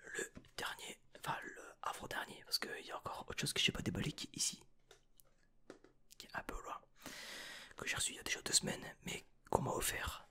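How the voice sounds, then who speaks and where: A young man whispering through an unboxing vlog in his bedroom into a desk microphone, hesitant and rambling with mild swearing. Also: fairly quick. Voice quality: breathy whisper. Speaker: vlogger.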